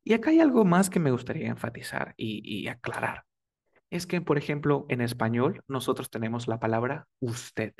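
This English teacher's voice is mid-range, expressive and creaky, at normal speed and far from the mic. He gives a relaxed spoken lesson, coaching students, repeating words as drills and regularly checking in with "¿vale?".

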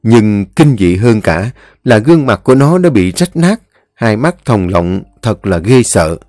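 A man narrating a scripted ghost story in a measured, somber way. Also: on the low side, sing-song, darkish tone, no echo, studio quality.

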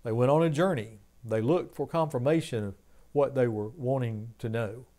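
An older man preaching a sermon from a home study, speaking in a measured, earnest way with rising emphasis on key points. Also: mid-range voice, dark tone. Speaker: pastor. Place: home study with bookshelves, indoors.

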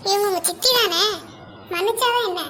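A woman's voice: very high-pitched, brisk, background noise. A woman voicing a nosy, gossipy young girl friend in a cartoon.

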